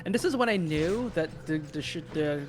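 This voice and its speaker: A man's voice: fairly high pitch, expressive, normal speed, noisy background. A man on a charity stream chatting casually and rambling with lots of fillers. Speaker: guest voice actor on a charity stream. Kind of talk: casual chat. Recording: music playing behind.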